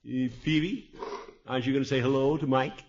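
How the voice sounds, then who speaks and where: A man's voice: mid-range voice, steady tone, a little fast, darkish tone, lightly acted. A man playing a genial, blustery middle-aged uncle with a hearty, theatrical manner in 1950s radio sitcom style. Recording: dull vintage 1950s radio recording.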